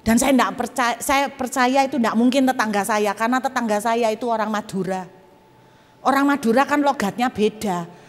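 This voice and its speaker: A woman preacher with a fairly high voice tells her testimony in a lively, humorous way, slipping into casual asides to the congregation. Her voice carries through a church auditorium with a long reverb tail. She sounds like a stage preacher talking straight to her listeners. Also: moderate pace. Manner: animated, humorous storytelling with colloquial asides. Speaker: guest preacher. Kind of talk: sermon with personal testimony.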